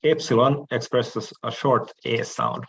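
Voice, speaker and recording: A man delivering a recorded lecture in a slow, deliberate way, often stopping on hesitant fillers. His voice sits a little low, and the recording sounds dull and lo-fi. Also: fairly even intonation, fairly bright tone. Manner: measured, frequent "uh" pauses, occasional throat clearing.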